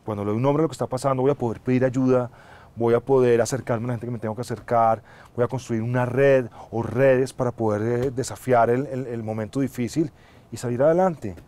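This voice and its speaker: Reflective middle-aged man, mid-pitched. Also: steady tone, warm tone. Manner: reflective, measured, earnest. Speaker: actor guest. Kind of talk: studio interview answers. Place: TV studio set, seated in armchair.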